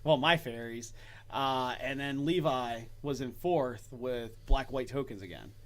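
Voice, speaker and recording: A man's voice: medium pitch, measured pace, a bit bright. Laughing man telling game stories. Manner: storytelling, laughs often. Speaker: podcast host. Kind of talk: casual chat.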